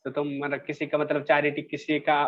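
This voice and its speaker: Male teacher, high voice, unhurried delivery, dull lo-fi sound, reads a line then explains it. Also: completely flat delivery. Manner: reads English sentences slowly, then explains them in Hindi. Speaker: English teacher. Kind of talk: bilingual class explanation.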